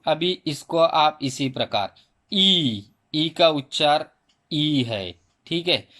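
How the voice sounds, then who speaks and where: A man with a fairly high voice teaches young children, moving at a very slow, deliberate pace. He sounds out every letter and vowel one by one, patiently. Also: lively intonation, pushed and bright. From India. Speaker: primary school Hindi teacher. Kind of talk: slow spelling lesson for children.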